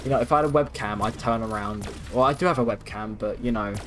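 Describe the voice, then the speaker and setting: A man's voice: fairly low pitch, fast talker, fairly bright tone, a little hiss or hum. A young man chatting casually and rambling, with some swearing, as he streams a game on a microphone at his PC. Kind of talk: casual livestream gaming chat. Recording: music behind the voice. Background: music.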